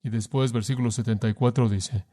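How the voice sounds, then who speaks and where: A man's voice: medium pitch, steady tone, brisk, mellow. Emphatic male preacher in a sermon. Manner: emphatic, addresses listeners with rhetorical questions. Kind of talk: sermon, voiced in Spanish.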